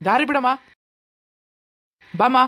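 A woman's voice: high voice, a bit bright, a little hiss or hum. A woman voicing a stern police officer in a cartoon who gives curt, impatient orders. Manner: brisk, ordering. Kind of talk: cartoon voice acting.

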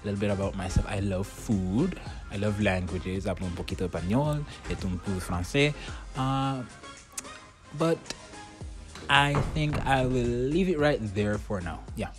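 A man's voice: lowish voice, moderate pace, music in the background. A young man with a Jamaican accent, answering interview questions in an articulate, reflective way. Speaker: interviewed student.

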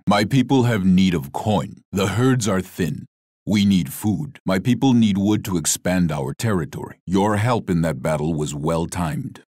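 Chief Gall, deep solemn war chief. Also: male voice, darkish tone, dry recording, clean studio sound. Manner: measured, formal, grave delivery. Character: proud, solemn Native war chief, stern adult male ally. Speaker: video game character. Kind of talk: scripted strategy game voice lines.

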